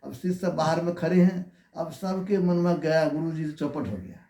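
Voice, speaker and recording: A man's voice: a little high, moderate pace, mellow. A man preaching a devotional sermon in the manner of a wise sage, instructing and telling stories. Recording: echoey, reverberant room.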